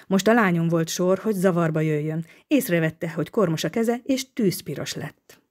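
Low-voiced woman narrating an audiobook. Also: darkish tone.

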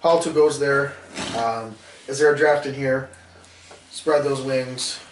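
A man's voice: mid-range voice, fairly even intonation, takes it slowly. Laid-back man on a roomy podcast. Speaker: podcast co-host. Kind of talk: casual chat. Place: small room at a table with others. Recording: roomy, distant, faint hiss.

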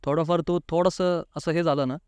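A Pune man speaks fairly quickly in a steady, smooth, slightly mellow voice on the high side, captured as clean studio sound with no room sound. As an interview guest he chats through a personal experience, frequently acting out quoted lines and adding "नाही का" over and over.

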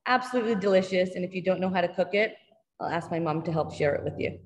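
Polished woman candidate, low and echoey. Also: fast, a little hiss or hum. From Canada. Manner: earnest, polished campaign talk. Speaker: political candidate. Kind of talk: candidate speech at a youth forum. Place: indoors by a painted wall. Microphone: video call.

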